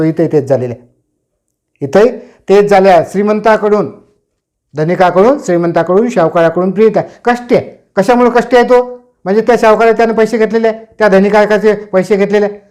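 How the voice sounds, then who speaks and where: A man's voice: sits high, darkish tone. A man lecturing a class, explaining Pali verses line by line, repeating phrases with synonyms and dictating notes. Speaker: teacher.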